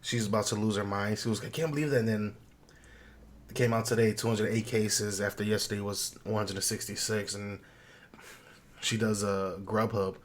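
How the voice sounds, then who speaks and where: A man's voice: on the low side, little pitch movement, moderate pace. A man sick with the flu and a swollen throat, chatting casually and bluntly as a podcast co-host. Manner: blunt, freely swearing.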